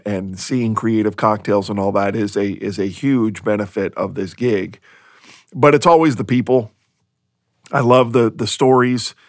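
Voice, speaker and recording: Male podcast host, mid-pitch, amused rambling monologue, dry booth sound. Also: no room sound. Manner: chatty, amused, rambling with restarts. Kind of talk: casual solo podcast monologue.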